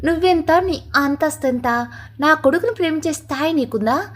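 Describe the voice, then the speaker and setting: A woman's voice: sits high, normal speed, lightly acted. A woman voicing a wealthy, arrogant middle-aged mother who talks down with contempt. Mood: contemptuous.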